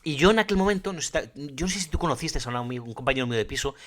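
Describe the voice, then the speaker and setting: Lively fast-talking man. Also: medium pitch. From Spain. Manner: animated storyteller, laughs often. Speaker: podcast co-host. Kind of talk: casual chat.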